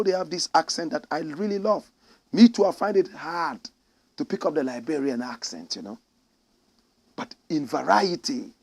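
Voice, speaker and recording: A Ghanaian man delivers impassioned political commentary in a preachy, emphatic style. He swings between loud outbursts and low asides.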